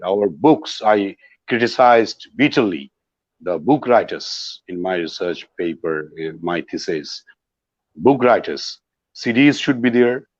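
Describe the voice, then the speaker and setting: A man's voice: lowish voice, dry recording, muffled recording. A middle-aged man with a Bangladeshi accent giving an online English lecture, emphatic and repeating key words.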